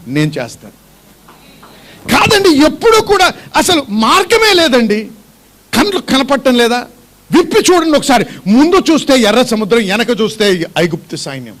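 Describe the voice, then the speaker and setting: A man's voice: very high-pitched, a bit bright. A male pastor preaching a sermon in a church, asking repeated questions and calling on the congregation to respond.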